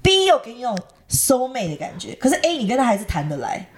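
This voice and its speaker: A woman's voice: fairly high pitch, big pitch swings, fast. A young woman with a Taiwanese Mandarin accent co-hosting a podcast, chatting casually and explaining things in an informal, conversational way. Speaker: podcast co-host. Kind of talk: casual chat.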